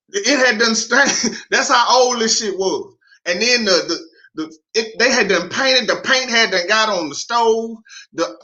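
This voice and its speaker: A man hosting a podcast, telling a profane, animated story in a casual, laughing way. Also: high voice, poor audio. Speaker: podcast host.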